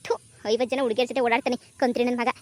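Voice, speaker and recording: A woman voicing a high, quick-talking young village wife in a cartoon comedy. She turns from sugary begging to biting scorn. The recording is close and dry. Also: fairly even intonation, darkish tone, no echo, lightly acted. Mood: angry. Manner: pleading sweetly to her father-in-law, then scolding with contempt.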